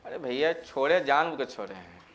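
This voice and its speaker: A man's voice: mid-range voice, expressive, moderate pace, fairly bright tone. A man teaching a geography class. He quizzes students and answers his own questions, dictates notes by repeating terms, and mixes in English phrases. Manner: asks students questions and answers them himself. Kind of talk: coaching class lecture.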